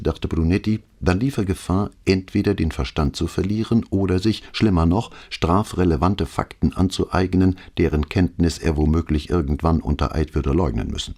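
A man narrating a crime novel in a measured, expressive reading. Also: low-pitched. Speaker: audiobook narrator.

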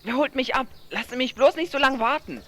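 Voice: high voice, quick pace, fairly bright tone. An actor voicing a chatty, boastful teenage boy in a radio play. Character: chubby cheeky teenage boy, food-loving.

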